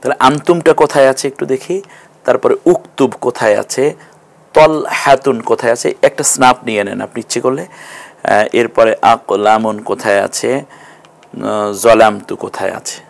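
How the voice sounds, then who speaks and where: A man teaching a televised Quran reading class, patiently explaining and slowly sounding out each syllable. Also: mid-range voice, creaky. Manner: slow, drawn-out syllable-by-syllable sounding out. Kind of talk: TV classroom lesson.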